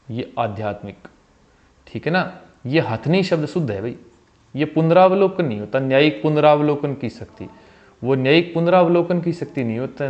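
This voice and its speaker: Male Hindi teacher, dull lo-fi sound. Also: mid-range voice. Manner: explanatory, repeats each word and its correct form; calls viewers "bhai", asks them questions. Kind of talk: exam-prep spelling lesson.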